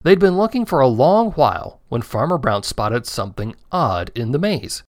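A man narrating a children's story in a gentle, expressive storytelling manner. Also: mid-range voice, moderate pace, dry recording, clean studio sound.

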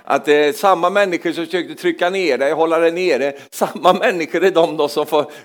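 A man with a fairly high pitch preaches charismatically in church, alternating booming outbursts with quiet asides and frequently repeating himself.

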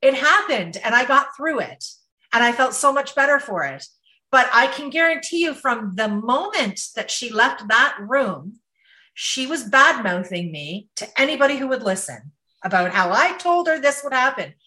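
A woman who works as a psychic medium, telling a story to her podcast co-hosts in a lively, casual way, laughing now and then. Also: high voice, normal speed, rough recording. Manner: animated, laughs while telling stories.

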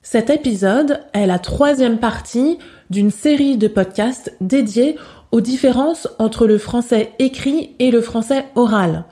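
Slow, mellow teacher woman. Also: on the high side. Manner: slow and careful, repeats examples for learners. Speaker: French teacher. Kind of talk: slow podcast lesson.

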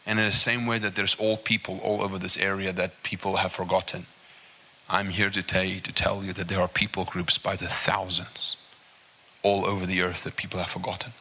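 Guest preacher, male, low-pitched voice with a sharp, forceful edge, emphatic sermon delivery. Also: brisk. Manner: emphatic, repeats "right?" and "okay?"; grows higher and more animated as he builds. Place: church service.

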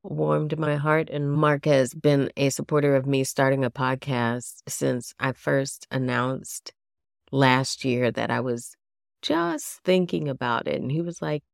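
A woman hosting a solo podcast, gentle and chatty, slightly nasal and laughing at herself. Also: rumbling low, measured pace, vocal fry, no echo, clean studio sound. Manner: gentle, chatty, self-deprecating. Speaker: podcast host.

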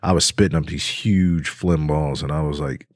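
A man with a very low, deep voice talks in a loose, rambling way, full of fillers and easy laughs. It sounds like a relaxed podcast chat recorded close and dry, with no room sound. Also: moderate pace, dry recording. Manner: laid-back, rambling with many fillers, laughs often. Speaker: podcast co-host. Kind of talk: casual chat.

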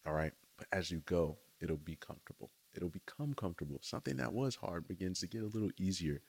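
A man with a notably low, deep voice gives an eager, easygoing faith talk. He speaks outdoors in a chatty tone and keeps checking in with his listeners. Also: fast talker, gravelly, darkish tone, slightly rough. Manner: enthusiastic, conversational, often says "right?" and "y'all". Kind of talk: casual devotional talk.

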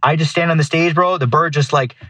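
A man's voice: a little high, brisk, bright, forceful tone, slight background noise. Slangy man telling casual stories. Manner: slangy, peppers talk with dude and bro. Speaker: guest falconer telling stories. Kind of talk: casual chat, animated storytelling.

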